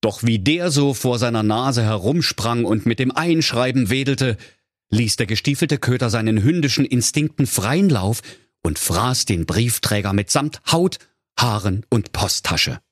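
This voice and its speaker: A man narrating a comic fairy tale with playful, lively storytelling and a pitch that rises and falls freely. His voice sits mid-range, and the recording is close and dry with no room sound. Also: measured pace, no echo.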